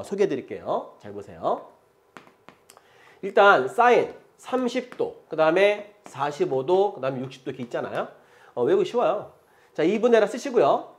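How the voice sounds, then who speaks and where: Animated middle-aged man teaching math. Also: a little high. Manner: chatty, mixes polite and casual speech, often checks in with the students; often laughs as he talks. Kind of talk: lecture.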